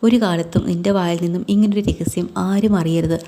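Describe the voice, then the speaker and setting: A woman's voice: fairly low pitch, steady tone, brisk, dark tone, a little hiss or hum, natural voice. A woman voicing an earnest, pleading older woman, reading her lines in her own voice.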